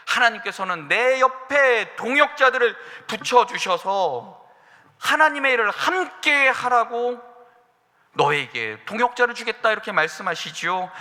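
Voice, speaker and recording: A man preaching a Sunday sermon as pastor, earnest, sometimes speaking God's words to his listeners in a gentle, direct way. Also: high-pitched. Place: church sanctuary. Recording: reverberant church sanctuary.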